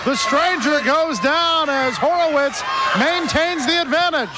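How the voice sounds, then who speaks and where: A man working as a wrestling commentator, calling each move live and bursting into shouts at big moments. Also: extremely high pitch, a little slow. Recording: loud crowd noise around commentary.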